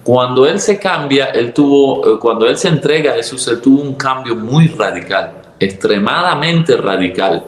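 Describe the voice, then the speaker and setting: A Venezuelan man, a pastor, recounts his own testimony in a conversational way. His Venezuelan Spanish accent shows, his voice sits at a middle pitch, and he acts out other people's lines with sudden leaps in pitch. The recording has a noticeable room echo. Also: moderate pace, few pauses. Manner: lively storyteller who acts out dialogue with sudden jumps in pitch. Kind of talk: telling a personal testimony in a conversation. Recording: roomy echo.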